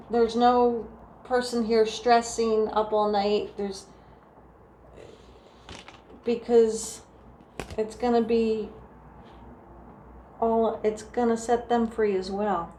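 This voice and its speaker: Soft-spoken New Jersey woman reading tarot. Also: on the high side, little pitch movement, slow pace, long pauses. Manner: soft, meandering, full of restarts and "like". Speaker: tarot reader. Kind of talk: casual tarot reading to camera. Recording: echoey room with faint ambient noise.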